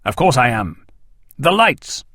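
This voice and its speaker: A man's voice: medium pitch, big pitch swings, slow, bright, forceful tone, no echo, exaggerated voice. A man voicing a brusque, impatient male detective. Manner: curt, impatient.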